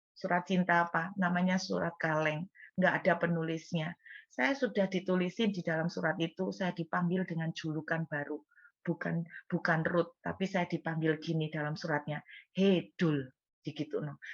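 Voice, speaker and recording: A woman's voice: fairly low pitch, lo-fi sound. A middle-aged woman pastor with an East Javanese Indonesian accent, telling a personal story in a sermon and speaking straight to her congregation. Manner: storytelling, addresses congregation as Bapak Ibu.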